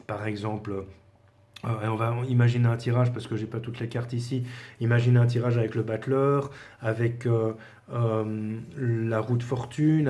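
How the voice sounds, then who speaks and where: A man's voice: medium pitch, a little mellow. A man giving a casual spoken tarot lesson, talking informally to the viewer with frequent hesitations. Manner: conversational, addresses viewer informally, many fillers. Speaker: tarot teacher.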